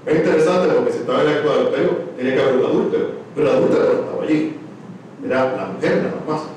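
A man preaching a sermon, swinging from shouts to hushed words. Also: medium pitch, racing, slight background noise. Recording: echoey, distant room mic.

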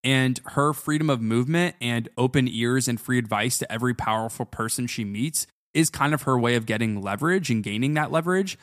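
A man's voice: mid-range voice, fairly quick, hardly any pauses, fairly bright tone, no echo, studio quality. A man co-hosting a podcast, analyzing a TV episode in a thoughtful, casual way with many hedges. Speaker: podcast co-host. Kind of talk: casual TV recap chat.

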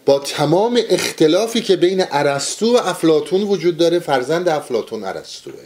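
A man's voice: fairly high pitch, animated, a little mellow. A man giving a spiritual lecture on mystic poetry, speaking earnestly and urging listeners to pay attention.

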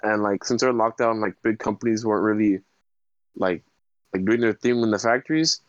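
Young guy, kinda low voice, says like constantly, casual, bit muffled recording. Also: no echo. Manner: halting, full of "like". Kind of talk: casual chat.

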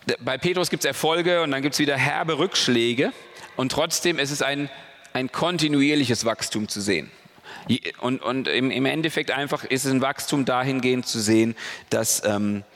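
A man's voice: medium pitch, a bit bright. A man giving a casual, conversational sermon, often checking in with his listeners. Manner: casual, conversational preaching with frequent "ja?" and "okay?". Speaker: preacher. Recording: long hall reverb.

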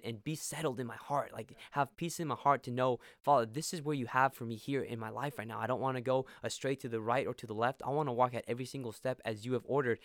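A man's voice: mid-range voice, a bit bright, dry recording. A man in his late twenties from Peru, a podcast guest sharing his faith testimony with earnest enthusiasm and often repeating words when stuck.

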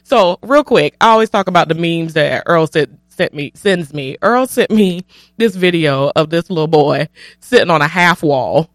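Lively woman co-host, slangy, playful, dry close sound. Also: deep voice, moderate pace, no room sound. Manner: animated, joking, slangy. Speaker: podcast co-host. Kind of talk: casual chat.

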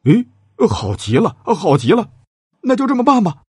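A foolish old-time king who squeals with delight, his voice jumping high and bright with excitement, as a storyteller puts him on. The sound is husky and dry. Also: moderate pace, no room sound. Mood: gleeful. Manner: high, excited, pleased with himself. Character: foolish, giddy ancient king.

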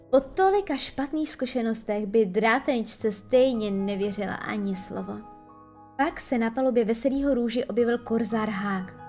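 A woman narrating a children's fairy tale as an audiobook, expressive and storytelling. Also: a little high. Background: faint background music.

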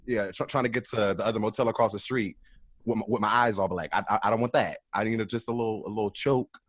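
A man's voice: lowish voice, fairly even intonation, fast talker. A young man co-hosting a podcast, talking candidly in casual chat, often stammering and laughing. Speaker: podcast co-host.

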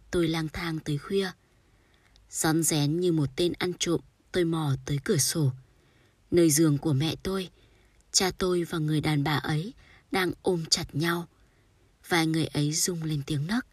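A woman reading a sorrowful short story aloud in a soft, storytelling manner. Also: low voice, normal speed, slightly rough, no room sound. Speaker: audiobook narrator. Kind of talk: scripted literary narration.

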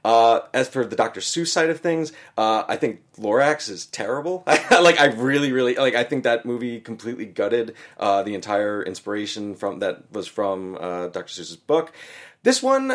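A young man appearing as a guest critic on a film podcast, speaking haltingly with frequent fillers. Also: on the low side, big pitch swings. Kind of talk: casual film chat.

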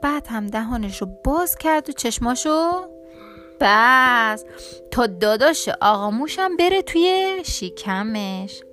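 A woman reading a children's storybook aloud in a lively, expressive way. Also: fairly high pitch, faint music behind.

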